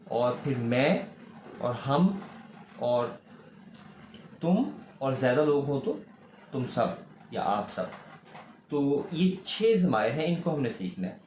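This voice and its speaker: A man with a Pakistani Urdu accent teaching a recorded lesson to children, patiently repeating each word slowly and asking questions back. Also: a little high, darkish tone. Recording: echoey room, faint ambient noise.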